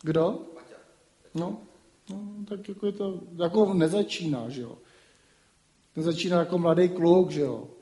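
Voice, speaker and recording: A man's voice: on the high side, long pauses, dark tone. A man giving a casual spoken lecture, talking colloquially with frequent rhetorical asides. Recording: roomy echo.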